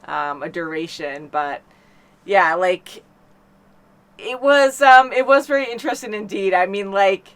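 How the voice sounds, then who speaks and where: Casting: woman, middle pitch, chatty film reactor, loose rambling delivery. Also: lively intonation, measured pace, clear, resonant tone. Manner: chatty, rambling with many fillers. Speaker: movie reaction host. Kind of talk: casual chat.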